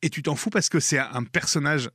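A man's voice: a little high, a little fast, a bit bright, breathy edge, no room sound, studio quality. A French man hosting a casual interview podcast, asking questions and backing his guest with short affirmations. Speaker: podcast host.

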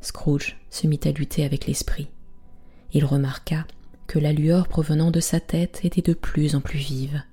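Hushed woman, whispered bedtime storytelling. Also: low-pitched, little pitch movement, a little slow, slightly rough. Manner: hushed, soft-spoken.

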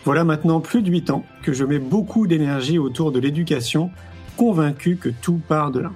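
A man hosting a podcast, reading a measured, scripted introduction over soft music. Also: a little high, slightly rough. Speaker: podcast host.

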